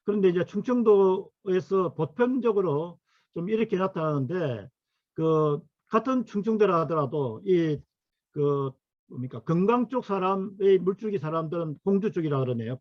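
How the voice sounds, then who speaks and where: Halting middle-aged male history lecturer. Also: fairly high pitch, animated, no room sound, lo-fi sound. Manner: halting, full of fillers, asks for next slide. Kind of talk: academic lecture to workshop attendees.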